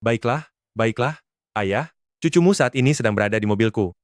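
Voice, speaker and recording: An actor in his twenties playing a wealthy young CEO, brisk and persuasive. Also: medium pitch, expressive, no room sound, clean studio sound, natural voice. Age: 20s. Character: young rich CEO, brisk and self-assured. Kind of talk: dubbed drama acting.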